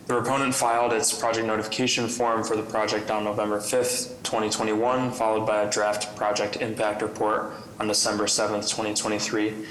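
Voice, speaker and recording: Low flat man speaking over a video call. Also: brisk. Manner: reads dates and steps in an even, businesslike way. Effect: heard over a video call. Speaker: city planning project manager. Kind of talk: formal procedural report at a public hearing. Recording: roomy video call audio with faint noise.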